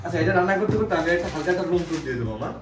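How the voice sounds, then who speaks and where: A young man with a Bangladeshi accent talks in a casual, joking vlog style. His delivery is rapid and slightly high-pitched, informal and chatty. The room echoes around his voice. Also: expressive. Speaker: vlogger hosting a food challenge. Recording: roomy echo, music underneath.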